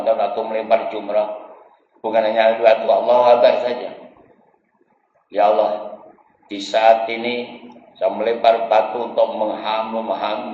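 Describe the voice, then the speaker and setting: Male preacher, lively storytelling, roomy echoey hall, muffled recording. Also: medium pitch, slight background noise. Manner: animated storytelling preacher, shifts between hushed and loud exclamations. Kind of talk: dawn mosque lecture. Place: prayer hall.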